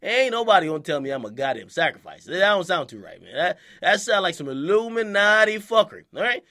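Animated bright-voiced young man commentator. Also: sits high, fairly quick. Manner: animated, slangy, profane, keeps asking "okay?". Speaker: hip-hop news commentator. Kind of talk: casual commentary to camera.

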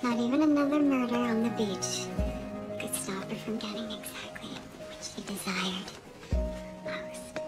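Squeaky sped-up chipmunk detective lady, dry and teasing, music playing under. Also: unhurried. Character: sharp, teasing female police detective. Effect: sped-up, high-pitched chipmunk voice effect. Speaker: police detective. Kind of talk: TV drama dialogue. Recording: TV soundtrack with music behind.

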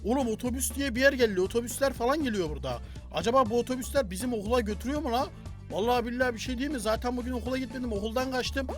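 Young male gaming youtuber, very high voice, quick and loud, jokey running commentary, faint game music under. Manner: loud, joking, talks to the game characters. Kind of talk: excited gameplay commentary.

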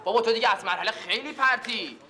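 An actor playing a gossipy office colleague who relishes a scandal in a TV sitcom. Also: male voice, high voice, crowd noise, close to an everyday voice. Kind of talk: sitcom acting. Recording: TV soundtrack with music underneath.

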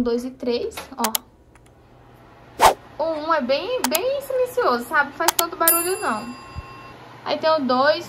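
A young woman from Brazil chatting casually in her home kitchen, recorded on a handheld phone, often tagging her sentences with little questions. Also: sits high. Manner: chatty, constant tag questions. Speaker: vlogger.

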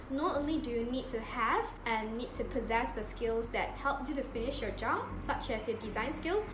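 A woman in her twenties with a fairly high voice speaks reflectively to camera. Her bedroom sounds echoey, with clear room noise behind her. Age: 20s. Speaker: designer guest. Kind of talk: direct-to-camera interview answers. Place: indoor bedroom.

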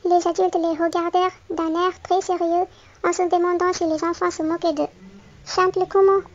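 A woman reading a children's picture book aloud, clearly and expressively, as if to a young child. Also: very high-pitched, flat delivery, moderate pace, a little mellow, highs cut off. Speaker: storybook reader.

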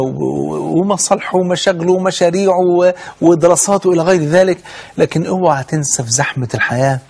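A male preacher with an Egyptian Arabic accent delivers a sermon at a breakneck pace. His voice is husky and sits a little high. He presses his listeners with rhetorical questions and solemn oaths. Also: a little mellow.

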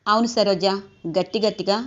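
A woman voicing a calm, courteous young man who speaks politely and reassuringly. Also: medium pitch, a little fast, natural voice. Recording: dull lo-fi recording.

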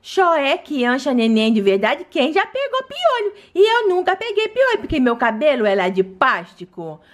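A woman voicing a cheeky, scheming baby doll girl in a toy play video, in a high childlike voice. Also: huge pitch swings, normal speed. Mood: wheedling.

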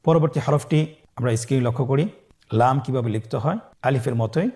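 A man from Bangladesh leads a recorded Quran class at a fast pace, his pitch medium. Patient and instructive, he stretches each letter name loudly so students can echo it.

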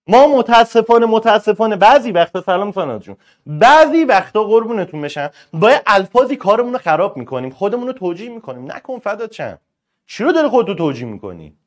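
A male exam-prep teacher giving a motivational talk to students on a live stream. He talks in a colloquial, emphatic way, moving between loud urging and soft, affectionate asides. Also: extremely high pitch.

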